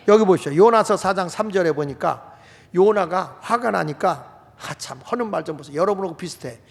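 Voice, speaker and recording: A male pastor gives an animated sermon and throws questions to his congregation. His voice is high-pitched with a gravelly edge. The sound carries the long reverb of a church sanctuary. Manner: animated preaching, acts out quoted outbursts, asks the congregation questions.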